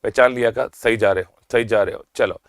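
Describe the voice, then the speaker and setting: Energetic, teasing Indian male lecturer. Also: lowish voice, no room sound, studio quality. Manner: energetic and teasing, stretches key terms slowly; quizzes the class and answers his own questions. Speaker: medical exam lecturer. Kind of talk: rapid-fire revision lecture.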